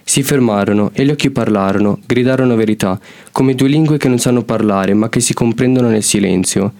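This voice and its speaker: A man's voice: medium pitch, brisk, gravelly. Teenage boy reading a poem. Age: teens. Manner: hesitant when talking, steady when reading. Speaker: student reading his poem. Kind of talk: poetry reading.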